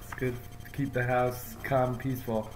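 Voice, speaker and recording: A man's voice: mid-range voice, flat delivery, moderate pace, a little hiss or hum, low-quality recording. A man from Queens, chatting casually as a podcast guest in short, laid-back replies. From Queens, New York. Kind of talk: casual chat.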